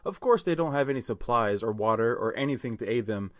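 Dude reading his dumb funny story out loud, bouncy voice, dry close sound. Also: medium pitch, brisk, dry recording. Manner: lively, jokey, crude.

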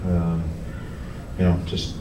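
Here a middle-aged hockey coach fields reporters' questions after the game in a low, monotone voice, stumbling through restarts and fillers. The setting is a press room with a team backdrop behind him. A stand-mounted table mic is present, yet he's picked up by a faraway camera in an echoey space with background noise.

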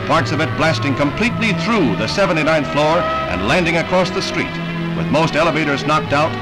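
A man's voice: on the high side, poor audio. Man narrating an old newsreel. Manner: grave, formal, dramatic delivery. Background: loud music.

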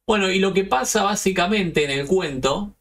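A man's voice: high voice, normal speed, fairly bright tone, recorded from a distance. A man with an Argentine accent hosting a podcast, telling stories in a loose, slangy, profane chat. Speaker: podcast host. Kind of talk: casual storytelling chat.

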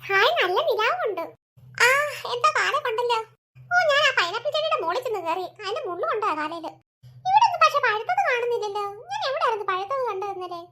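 A woman's voice: extremely high pitch, very animated, quick pace, sharp tone, a little hiss or hum, full character voice. A woman voicing a stubborn, greedy little boy in a cartoon who wails when he is frightened. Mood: excited. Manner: frightened wailing. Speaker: cartoon character.

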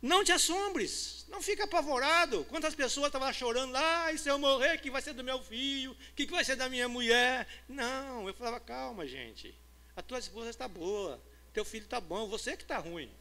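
High bright-voiced Brazilian pastor preaching. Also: male voice, a little fast. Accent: Brazilian Portuguese. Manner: swings from hushed storytelling to loud preaching. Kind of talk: sermon. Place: church.

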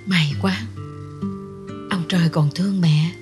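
An actress playing an anxious older mother-in-law who longs for a grandchild, talking in quick, fretful exclamations. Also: on the low side, steady tone, music in the background. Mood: tender. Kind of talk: TV drama acting.

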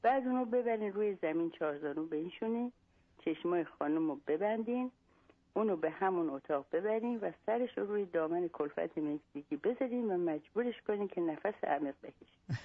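A woman's voice: on the low side, lively intonation, dry recording. A woman on a phone line voices a self-assured male psychologist who lectures at length and lays out odd instructions step by step. The line is thin and dry, with no room around the voice. She keeps close to her own everyday voice. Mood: instructive. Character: Iranian male psychologist, confident and long-winded.

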